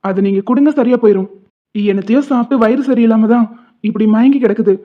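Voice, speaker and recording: A woman voicing a calm, kind cartoon vet. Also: a little high, fast, lightly acted. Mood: reassuring. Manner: reassuring, patient. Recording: tinny phone-like lo-fi sound.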